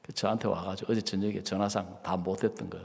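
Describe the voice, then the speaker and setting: A pastor telling a sermon story and acting out both sides of the dialogue. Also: male voice, low-pitched, steady tone, fast talker, creaky, darkish tone. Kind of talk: sermon with acted-out anecdote. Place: church sanctuary. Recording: long church reverb.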